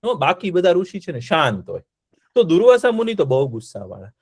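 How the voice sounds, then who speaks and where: A man telling a story to children, animated, asking them questions and repeating words. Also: on the high side, fairly quick, husky, no echo, studio quality.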